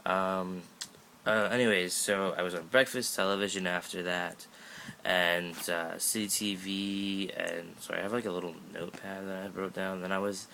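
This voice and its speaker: A sixteen-year-old Canadian guy vlogs a casual update, joking, rambling and restarting his sentences with plenty of fillers. His low, creaky voice has a bright, forceful edge, moves little in pitch and keeps a normal speed. He films on an arm's-length phone against a faint hiss.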